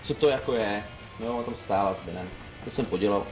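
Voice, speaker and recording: A young man streaming a tank game, chatting casually and calling out moves to his teammates in a quick, joking way. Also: on the low side. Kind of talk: casual gaming chat. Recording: roomy sound with clear music behind.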